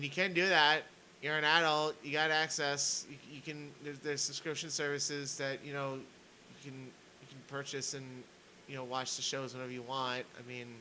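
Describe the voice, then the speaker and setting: A man's voice: mid-range voice, bright, forceful tone, slight background noise, poor audio. A man streaming a ranting commentary, reading posts aloud in a sarcastic, mocking way.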